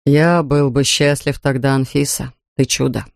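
A woman voicing a worried, gentle male dragon farmer and father. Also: rumbling low, level tone, fairly quick, smooth, no room sound, clean studio sound, voice pushed down. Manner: anxious, soft-spoken.

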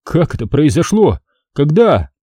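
A man's voice: on the high side, sing-song, measured pace, mellow, husky, dry recording, studio quality, voice pushed up, full character voice. A man doing a brash young soldier. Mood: agitated. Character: blunt young soldier son.

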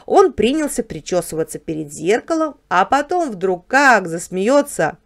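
Lively woman reading a children's story. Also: mid-range voice, moderate pace. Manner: lively, expressive telling. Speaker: narrator.

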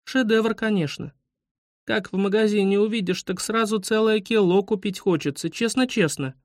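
A kind little schoolgirl with a sweet, high, soothing voice, as a man reads her part. The sound is close and dry. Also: normal speed, dry recording, close to an everyday voice. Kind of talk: storybook reading.

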